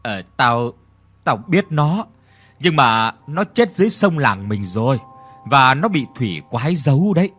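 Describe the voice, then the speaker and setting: A man voicing a secretive old male former exorcist who talks low and confiding. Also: big pitch swings, unhurried, fairly bright tone, soft background music. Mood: hushed, grave.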